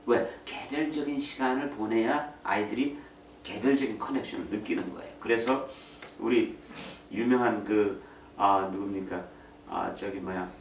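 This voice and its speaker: Middle-aged man, church parenting talk, animated storyteller who acts out quotes and mixes in English; roomy, distant mic, faint hall ambience. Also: lowish voice, normal speed, slight background noise. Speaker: speaker on parenting. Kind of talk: church talk on raising children.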